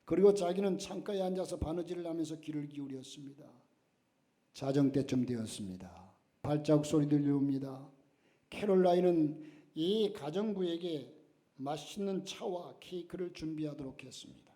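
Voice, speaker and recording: A man's voice: fairly high pitch, lively intonation, moderate pace, warm tone. A male pastor telling a story in a Sunday sermon, dramatically acting out the quoted voices and prayers. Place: church sanctuary.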